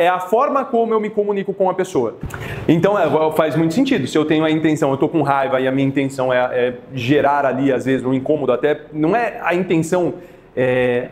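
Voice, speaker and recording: A man, teaching a class of therapists in a lively, conversational way and often restarting his sentences. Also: on the high side, a little hiss or hum. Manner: conversational, lively, with many restarts and acted quotes. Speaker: therapy instructor. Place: classroom with students.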